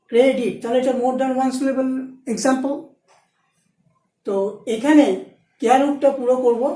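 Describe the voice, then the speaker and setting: A woman teaching a shorthand class, explaining each rule slowly and repeating the key points. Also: on the high side, mellow, roomy sound, rough recording. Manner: repeats key points, switches between Bengali and Hindi. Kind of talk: explaining rules step by step in a lesson.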